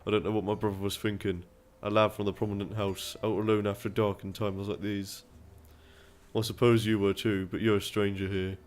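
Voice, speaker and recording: Guy doing a shrewd medieval merchant, low voice, smooth talker pitching a job, game dialogue read aloud. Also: little pitch movement, a little fast, a little mellow, slight background noise, close to an everyday voice. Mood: scheming. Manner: persuasive, businesslike, read aloud with put-on rural and London accents. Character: scheming middle-aged male town merchant.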